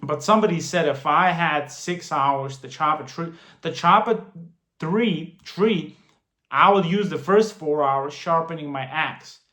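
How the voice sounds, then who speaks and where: A man's voice: a little high, unhurried, bright, forceful tone. A man in his late twenties giving casual money advice to the camera, earnest and prone to repeating and restarting phrases. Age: 20s. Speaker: finance vlogger. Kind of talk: casual talking-head advice. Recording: roomy echo.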